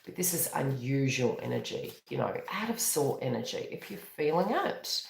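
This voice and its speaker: With a deep bass voice that is gravelly and very animated, a New Zealand-accented astrologer and tarot reader talks at normal speed during a live-streamed spiritual reading. She rambles wearily, frequently correcting herself, and the rough recording is reverberant with slight background noise.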